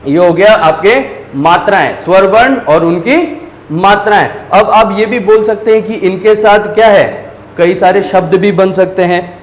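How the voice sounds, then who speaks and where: A man's voice: high-pitched, echoey room. A man teaching a children's lesson, patiently asking questions and answering them himself. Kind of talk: explaining lesson at a board.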